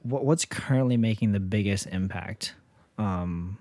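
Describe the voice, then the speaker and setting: A man's voice: fairly low pitch, unhurried, warm tone, dry recording. A man co-hosting a podcast, asking a question hesitantly while searching for words. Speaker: podcast co-host. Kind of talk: casual interview chat.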